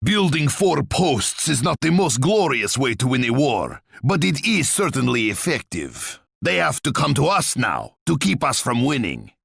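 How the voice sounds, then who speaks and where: A gleeful, menacing tsar for a video game. The voice is gravelly and husky. It swoops dramatically up and down, pompous and relishing its own threats. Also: male voice, mid-range voice, sing-song, a little slow, few pauses, a bit bright, no room sound, studio quality, heavily acted. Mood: calculating. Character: boastful, menacing Russian tsar and warlord, imperious and gleeful. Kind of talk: video game character voice lines.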